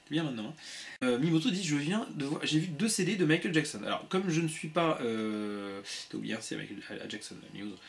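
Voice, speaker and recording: A man hosting a casual livestream from a home room on a laptop webcam, reading viewers' messages aloud in a quick, playful way with many restarts. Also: a little high, expressive, gravelly. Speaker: livestream host. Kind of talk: casual live chat with viewers. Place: home room with shelves of CDs.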